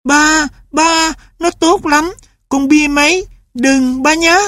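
A woman reading aloud, voicing an eager, tearful young boy in a high voice. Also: steady tone, slow, a bit bright, no room sound, studio quality. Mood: pleading.

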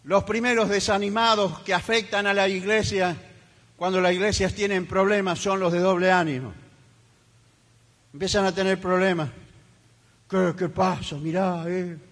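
A man's voice: sits high, fairly bright tone. A man preaching a sermon as a pastor, emphatic and fiery, mocking the voices of complainers. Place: church hall. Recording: reverberant church hall.

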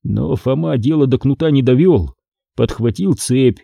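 A man reading a story aloud as an audiobook narrator, in an expressive storytelling style. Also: mid-range voice, measured pace, creaky, no room sound, clean studio sound. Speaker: audiobook reader. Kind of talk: scripted narration.

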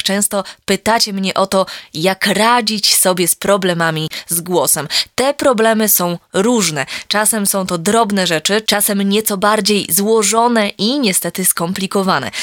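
A woman's voice: medium pitch, fairly bright tone, no room sound. Chatty woman hosting a dry-sounding podcast. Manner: conversational, frequent filler hesitations. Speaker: podcast host and voice coach. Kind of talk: solo podcast talk. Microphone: studio microphone.

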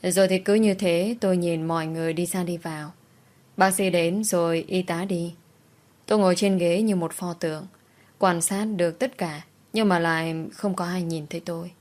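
A woman's voice: on the low side, fairly even intonation, normal speed, a little mellow. A woman narrating a first-person audiobook story with a mournful, emotional delivery.

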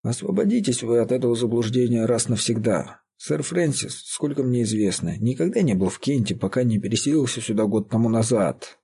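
A man voicing an earnest, steady estate steward who pleads in a raised voice. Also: medium pitch, brisk, hardly any pauses, slightly rough. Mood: insistent. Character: steady middle-aged male estate steward, shocked and earnest.

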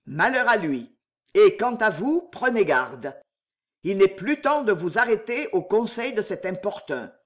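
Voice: mid-range voice, sing-song, measured pace, fairly bright tone, pitched above the performer's own voice. A reader voicing a mocking, menacing count. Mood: scornful. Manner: mocking, threatening. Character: scornful, menacing male count. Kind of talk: audiobook reading.

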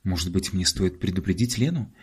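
A man voicing an excitable, squealing young woman in an audiobook. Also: low voice, fairly quick, breathy edge. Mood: excited.

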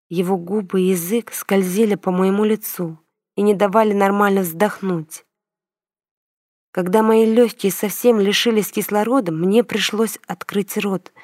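A woman reads a first-person story aloud in an expressive, emotional way. Her voice sits at a middling pitch. The recording is close and dry, with no echo. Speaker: narrator. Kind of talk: first-person audiobook narration.

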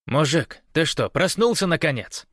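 A man voicing a gruff male checkpoint guard who barks and threatens through a loudspeaker. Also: on the high side, lively intonation, moderate pace, dry recording, clean studio sound, pitched above the performer's own voice. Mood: exasperated. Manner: shouting, rough, threatening.

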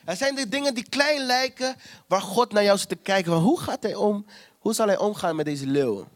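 A man's voice: high voice, moderate pace. A man preaching a sermon, emphatic and repetitive, retelling scripture with quoted voices.

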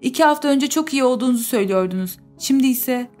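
A woman's voice: sits high, animated, fast, a little mellow, soft background music. A woman doing a stern older male professor. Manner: firm, admonishing.

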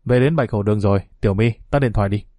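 A man's voice: fairly low pitch, rapid-fire, dark tone, dry recording, pitched below the performer's own voice, close to an everyday voice. A man doing a stern triad elder. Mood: protective. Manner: commanding, soothing. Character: older male triad boss, protective and stern.

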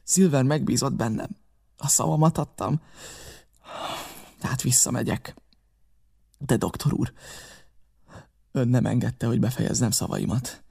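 A man's voice: mid-range voice, fairly even intonation, vocal fry, pauses often, dark tone, breathy edge. A man voicing an honest, earnest young cabin boy pleading with an elder, in an audiobook reading. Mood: firm.

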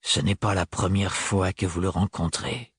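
A man's voice: low-pitched, level tone, moderate pace, fairly bright tone, slightly rough, no room sound, studio quality, pitched below the performer's own voice, full character voice. A man voicing a tall, stern and cold nobleman in an audiobook, curt and hard in his delivery. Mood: stern, low.

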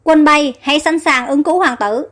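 A woman's voice: high voice, normal speed, a bit bright. A woman reading the lines of a worried male ship captain in an audio story.

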